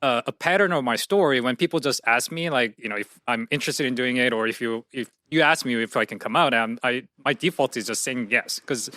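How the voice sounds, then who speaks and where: A man's voice: mid-range voice, fairly quick, few pauses, pushed and bright, no echo, studio quality. A young man, a guest telling his story thoughtfully in a casual interview, with many fillers and restarts. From South Korea. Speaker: guest, entrepreneur.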